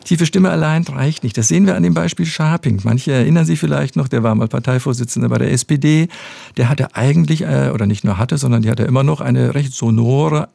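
A man, a professor of speech science, explaining in an interview in a measured, precise way. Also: mid-range voice, creaky, mellow, no echo. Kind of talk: expert interview answers.

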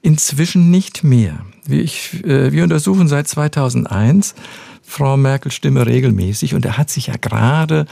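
A male professor with a heavily gravelly, creaky voice explains things in a measured, precise way. His tone is dark and mellow, and the recording is dry and close. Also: medium pitch, no echo. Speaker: speech scientist, professor. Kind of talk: expert interview answers.

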